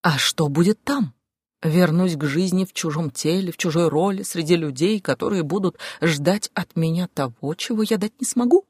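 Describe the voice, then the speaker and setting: A woman reading a first-person audiobook in a measured, even way. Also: on the low side, breathy edge, dry recording. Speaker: audiobook narrator. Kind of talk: scripted first-person narration.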